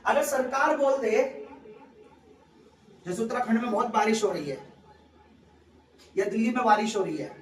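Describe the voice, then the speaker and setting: A man preaching with an emphatic, high voice, drawing replies from his listeners. He sounds set back from the mic in an echoey hall. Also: moderate pace, pauses often. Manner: emphatic, calls for responses from the congregation. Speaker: pastor. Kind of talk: sermon. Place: prayer meeting hall. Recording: echoey room, voice from far off.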